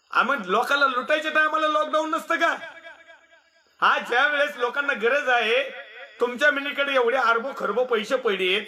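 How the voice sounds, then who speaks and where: A man's voice: very high voice, bright, forceful tone. A male pastor preaching a sermon in a mocking, scolding way, often laughing as he talks.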